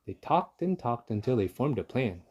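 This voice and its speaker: A man's voice: medium pitch, sing-song, moderate pace, a little mellow, husky. A man narrating a children's story from a book, as a read-aloud. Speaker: storybook reader.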